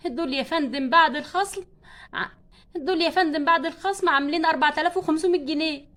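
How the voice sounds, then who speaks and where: A woman's voice: high-pitched, fast, a bit bright. A woman voicing a polite, salesy shop saleswoman doll with an Egyptian Arabic accent.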